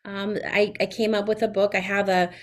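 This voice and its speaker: A woman's voice: medium pitch, little pitch movement, moderate pace. A middle-aged woman with a Southern US accent, speaking as a guest in a podcast interview, with many fillers and restarts. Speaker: guest, CPA.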